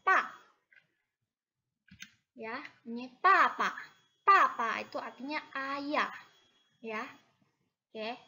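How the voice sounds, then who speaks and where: High, sharp-voiced woman teaching young children. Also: animated, poor audio. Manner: patient, repeats "ya" and "anak-anak" constantly; drawn-out, loud modeling of syllables. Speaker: primary school teacher. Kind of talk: recorded lesson for first graders.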